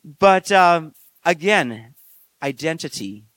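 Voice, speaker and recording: A man preaching a sermon in an earnest, measured way, slowing down on key phrases. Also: a little high, animated, a bit bright, no echo. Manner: earnest, measured delivery with slow emphatic phrases and frequent fillers.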